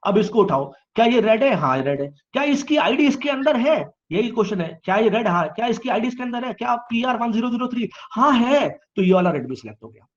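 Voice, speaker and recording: A man tutoring a live online class, asking questions and answering them himself, teasing students to reply quickly. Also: very high-pitched, very animated, highs cut off.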